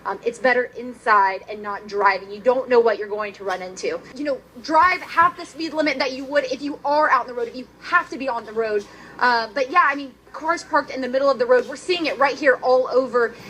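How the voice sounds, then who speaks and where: A woman giving an unscripted live report in a halting, repetitive way. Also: on the high side, fairly bright tone, a little hiss or hum, rough recording.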